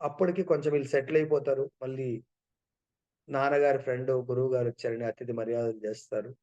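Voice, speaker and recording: A man telling a story in a devotional lecture, in an animated way. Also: medium pitch, fast, dull audio. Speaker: devotional speaker.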